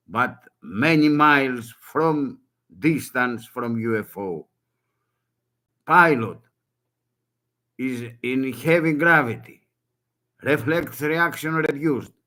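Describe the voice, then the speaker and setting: Bright and forceful in a mid-range voice, an older native Greek speaker urgently appeals to the public. He speaks broken English with a Greek accent and keeps repeating short phrases in this self-made video.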